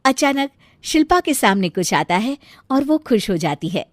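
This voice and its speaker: A woman narrates a scripted family tale in an expressive storytelling way. Her pitch moves lively, and the sound is dry and close. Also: normal speed, dry recording.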